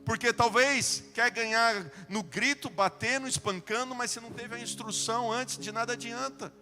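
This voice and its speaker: A Brazilian pastor preaching a sermon, telling stories and acting out dialogue, swinging between soft and loud. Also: male voice, extremely high pitch, moderate pace, big-room sound, soft background music. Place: church sanctuary.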